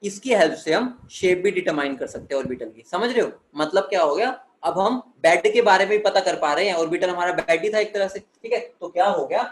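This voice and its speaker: High-voiced male chemistry teacher lecturing. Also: lively intonation, a little fast, hardly any pauses. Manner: repeats "theek hai" constantly, asks and answers own questions. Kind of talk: classroom lecture. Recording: echoey room.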